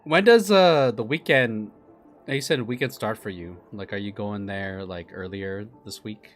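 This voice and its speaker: A man live-streaming his reaction to a game, chatting casually with viewers in an animated, talkative way. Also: fairly low pitch, unhurried, faint music behind.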